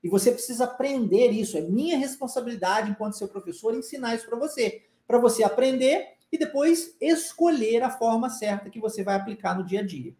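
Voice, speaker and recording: A man's voice: very high-pitched, expressive, a little fast, hardly any pauses, warm tone, reverberant. A man with a Brazilian Portuguese accent teaching an online language lesson, explaining patiently and checking in often with short questions. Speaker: English teacher.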